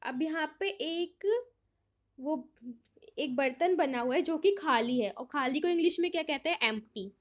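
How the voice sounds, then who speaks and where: At a moderate pace and with a high-pitched voice, a woman teacher walks young kids through a worksheet. English lines are read first and then explained in Hindi, and she answers her own questions.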